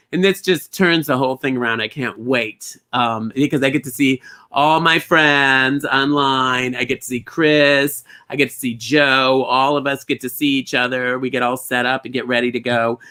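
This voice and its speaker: A man's voice: medium pitch, sharp tone. An American man from Minnesota hosting an online bingo show as a drag hostess, chatty and campy, with theatrical, gushing greetings. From Minnesota, United States.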